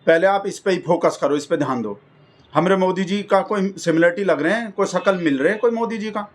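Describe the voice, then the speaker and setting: A man's voice: high-pitched, fairly quick. A man delivering a rambling, folksy satirical comedy monologue. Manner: folksy, rambling, keeps addressing the listener as brother. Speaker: comic persona host.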